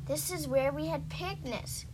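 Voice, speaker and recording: A woman reading a storybook aloud, voicing an excited young boy who asks questions with eager wonder. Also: sits high, measured pace, background noise, pitched above the performer's own voice.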